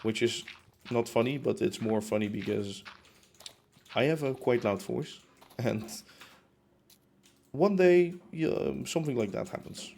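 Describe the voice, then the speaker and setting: Here the same kind of stream plays out: a young man in his concrete apartment makes casual chat while building in a game, wandering through lots of fillers and false starts. His mid-range voice sounds gravelly and a little mellow, and he keeps a measured pace. A faint hiss or hum sits underneath.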